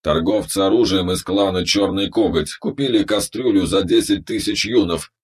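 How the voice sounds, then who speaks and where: Man voicing a robot cook, very low, husky and breathy, cheerful, audiobook character. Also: moderate pace. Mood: proud.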